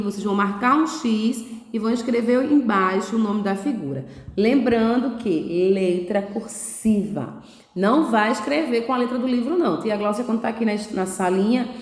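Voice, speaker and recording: A woman primary school teacher explaining a lesson to young children, patiently sounding out syllables slowly and checking in often. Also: on the high side. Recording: echoey room, long reverb.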